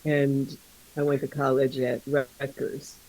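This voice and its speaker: An older woman, raised around Philadelphia, talking candidly and reflectively as a guest, often halting mid-thought and laughing easily. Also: rumbling low, flat delivery, a little mellow, poor audio. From born in Arizona, raised in Philadelphia area. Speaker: guest, radio jazz presenter. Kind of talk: candid interview conversation.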